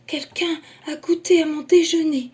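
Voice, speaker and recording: A woman voicing a gentle mama bear with a soft, raised voice. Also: sits high, fairly even intonation, normal speed, far from the mic, voice pushed up, lightly acted.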